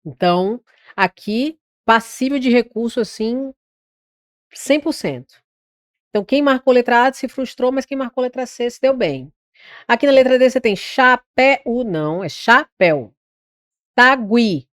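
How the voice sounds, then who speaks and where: Brazilian woman teaching grammar, lively. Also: a little high, no room sound, studio quality. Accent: Brazilian Portuguese. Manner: lively, corrects herself aloud, pronounces words slowly. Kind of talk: exam-prep grammar lesson.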